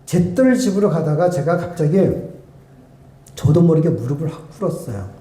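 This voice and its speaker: A man's voice: on the high side, expressive, normal speed. Man preaching in an echoey church. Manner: acts out remembered dialogue, swings between loud and hushed. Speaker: guest pastor. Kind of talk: sermon with storytelling. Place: church sanctuary.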